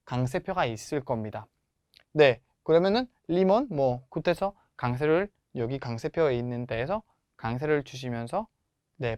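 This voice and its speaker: A young man teaches pronunciation patiently and encouragingly, leaning hard on stressed syllables as he models each word. His voice sits a little high and sounds smooth and resonant. The recording is dry and close. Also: no room sound. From Spanish-speaking country. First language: Spanish. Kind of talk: friendly language lesson.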